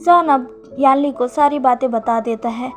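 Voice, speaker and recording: A high-voiced woman narrates a story plainly. Soft music plays faintly behind her. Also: moderate pace. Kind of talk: fan fiction narration.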